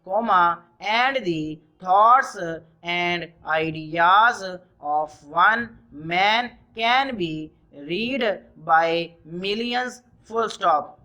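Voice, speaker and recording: A bright, crisp-edged voice at a middle pitch, dictating at an extremely slow pace. The reader breaks sentences into short phrases and announces each punctuation mark, as in a dictation exercise. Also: highs cut off.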